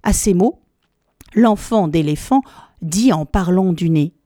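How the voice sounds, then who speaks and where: A woman's voice: on the low side, a little slow, no echo, studio quality. Woman reading a storybook aloud. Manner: lively and expressive, changing voices for each animal. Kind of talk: expressive storybook narration.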